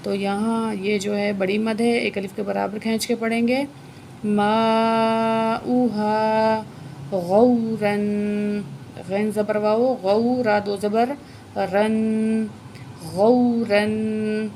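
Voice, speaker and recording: A woman teaching Quran reading word by word, explaining each letter and then reciting slowly and drawn out. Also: medium pitch, level tone, creaky, warm tone, a little hiss or hum.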